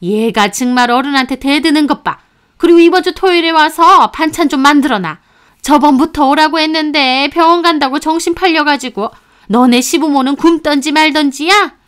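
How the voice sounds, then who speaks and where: A woman's voice: high-pitched, moderate pace, a bit bright, voice pushed up. A woman voicing a spiteful older mother-in-law who scolds with sneering contempt. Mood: scolding.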